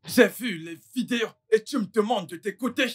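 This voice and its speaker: A woman's voice: mid-range voice, normal speed, husky, lightly acted. A woman dubbing in French as an angry young man who orders his girlfriend out of his house. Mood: furious. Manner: harsh, commanding. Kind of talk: French film dub.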